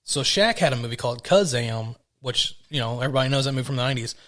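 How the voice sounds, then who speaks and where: A man's voice: mid-range voice, animated, quick pace, fairly bright tone. A man co-hosting a podcast in loose, casual chat, rambling and swearing freely. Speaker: podcast co-host.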